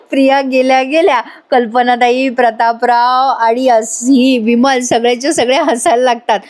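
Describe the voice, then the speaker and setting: High-voiced woman, chatty and enthusiastic, voice-over episode review. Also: measured pace. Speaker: TV serial reviewer.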